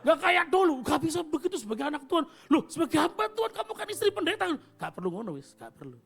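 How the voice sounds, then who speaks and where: A middle-aged man with an East Javanese accent preaching a sermon as pastor, playful and animated, slipping into slang and acted-out voices. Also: extremely high pitch, fast, vocal fry. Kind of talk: lively sermon with acted-out stories. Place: church service.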